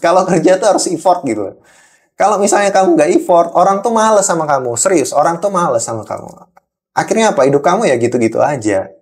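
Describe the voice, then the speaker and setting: Playing an angry boss in a role-played monologue, a man from Java sternly scolds and lectures a young employee, repeating points for emphasis. His voice is on the high side, a little mellow, fast, with big pitch swings.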